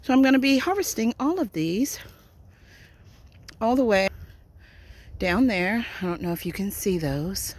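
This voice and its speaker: A woman's voice: mid-range voice, animated, unhurried, pauses often, a little mellow. A woman casually vlogging outdoors in the countryside while walking and foraging, chatty and self-deprecating.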